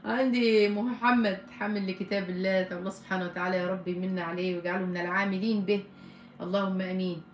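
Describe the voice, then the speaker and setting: A woman's voice: fairly low pitch, little pitch movement, racing, roomy sound, slight background noise. A middle-aged woman with an Egyptian Arabic accent, a family counselor hosting a live stream, reading viewer comments and giving firm, emphatic advice.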